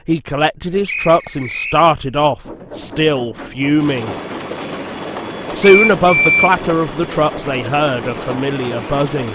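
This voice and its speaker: A man narrating a storybook in a measured, clear storytelling manner. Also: fairly high pitch, very noisy. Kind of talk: storybook reading. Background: music.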